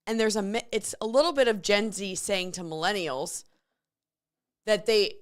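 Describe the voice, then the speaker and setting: A woman in her thirties co-hosting a morning radio show. She talks at a middle pitch in easy conversation and drops quick asides. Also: clean tone. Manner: conversational, reacts with short asides. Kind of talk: casual chat.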